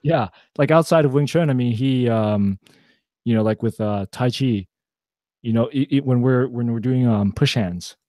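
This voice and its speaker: Young man, casual podcast chat, mellow warm tone, dry close sound, rambling with fillers. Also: medium pitch, moderate pace, no echo. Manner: rambling, lots of fillers and restarts. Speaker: podcast co-host.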